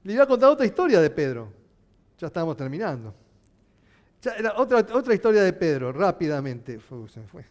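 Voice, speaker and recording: A man's voice: sits high, brisk. A male pastor preaching a sermon, asking his listeners questions. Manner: animated, asking the congregation questions.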